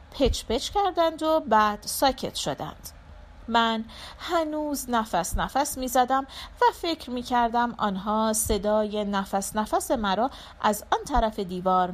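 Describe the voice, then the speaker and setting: Woman, audiobook narrator, slightly high voice, measured dramatic reading, first-person literary story.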